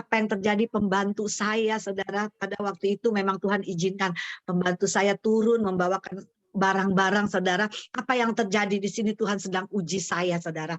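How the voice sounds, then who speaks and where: A woman's voice: no room sound, dull audio. A woman pastor with an Indonesian accent, giving a testimony sermon and calling her listeners "brothers and sisters" again and again, voicing the quoted prayers with fervor. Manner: addresses the congregation as "saudara" again and again; animated, acting out quoted prayers at a higher pitch.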